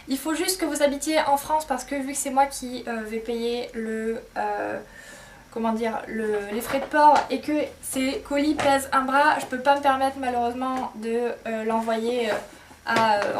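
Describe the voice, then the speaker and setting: A woman's voice: high voice, steady tone, moderate pace, far from the mic, background noise. A woman beauty vlogger chatting casually to camera, hesitant and filler-heavy.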